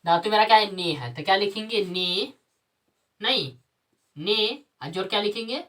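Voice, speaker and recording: A woman's voice: mid-range voice, lively intonation, normal speed, a bit bright, recorded from a distance. A woman teaching Sanskrit grammar, who asks the class questions, answers them herself and repeats the key terms. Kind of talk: classroom lesson with call-and-response questions.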